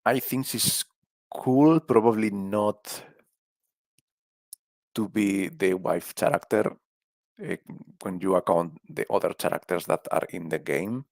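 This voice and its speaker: A man from Spain speaks in a very low voice with a Spanish accent and a rough, gravelly edge. He rambles casually and trails off while thinking. The recording is close and dry, with no room sound. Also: takes it slowly, pauses often, darkish tone, dry recording. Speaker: video creator ranking game characters. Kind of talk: casual tier-list commentary.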